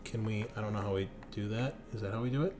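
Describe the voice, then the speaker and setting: He talks fast in a fairly low, slightly mellow voice, with soft music playing behind him. Acting as host and game master, the man chats casually and eagerly in slang, swearing plenty, and the recording has noticeable background noise.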